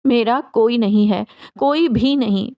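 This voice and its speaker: A woman's voice: on the high side, lo-fi sound, natural voice. A woman voicing a hurt young woman who snaps back through tears in an audiobook. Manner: sharp, wounded retorts. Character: bitter, tearful young woman.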